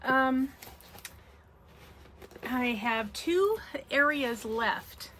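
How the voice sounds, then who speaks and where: A woman hosting a casual, chatty craft vlog, projecting her voice loudly in a bubbly, effusive way. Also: high-pitched, expressive, drawn-out words, a little hiss or hum. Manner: loud projection. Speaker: host of a craft community vlog. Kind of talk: casual chat to followers.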